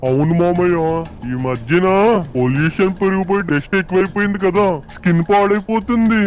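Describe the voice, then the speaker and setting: A man's voice: high voice, fairly quick, natural voice. A man voicing a jittery, whiny boy sidekick in a cartoon dub. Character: timid boy sidekick Chapu.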